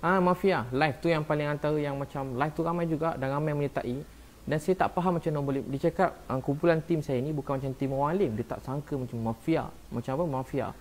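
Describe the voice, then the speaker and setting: A man with a Malaysian Malay accent, a preacher talking casually on a live stream, soft-spoken and earnest, often saying "ha" and "Masya Allah". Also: fairly high pitch, quick pace, a little hiss or hum. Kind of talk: casual live-stream talk answering viewers.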